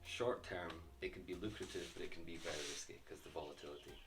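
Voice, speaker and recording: Speaking from well off the mic over soft music, this guest talks fast in a low, slightly bright voice. He's emphatic and sure of himself in the casual chat, with the occasional restart.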